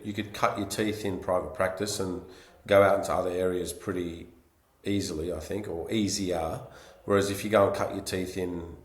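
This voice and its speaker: Deep-voiced man hosting in a roomy space. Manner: casual, relaxed questioning. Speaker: podcast host. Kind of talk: conversational interview.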